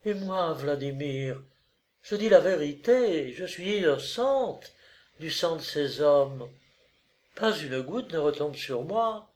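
A man reading aloud and voicing a proud, wounded young noblewoman who answers in a raised, hushed, intense voice. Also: low voice, expressive, slow, pitched above the performer's own voice. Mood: defiant.

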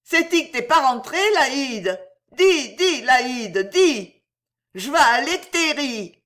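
A woman's voice: mid-range voice, very animated, normal speed, fairly bright tone. A woman voicing a drunk, crying woman who calls and pleads with slurred, whining words. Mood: sobbing. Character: drunk weepy woman stuck on a staircase.

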